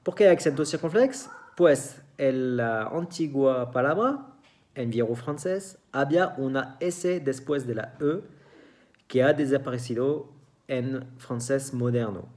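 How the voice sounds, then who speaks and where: Slow, careful teacher. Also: mid-range voice, a little mellow. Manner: slow and careful, repeats each example word. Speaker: French teacher. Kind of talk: beginner language lesson.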